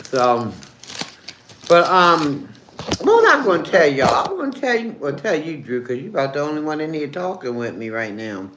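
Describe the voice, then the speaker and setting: A deep-voiced woman, very animated and speaking at normal speed, chats with livestream viewers while eating lunch. She calls them baby and honey and hums as she chews, in a reverberant space with a noisy background.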